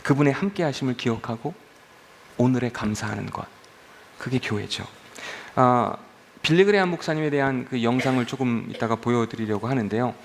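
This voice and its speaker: A man's voice: medium pitch, animated, fairly quick, a little hiss or hum. A man preaching a sermon as pastor, conversational and humorous, often asking the congregation questions.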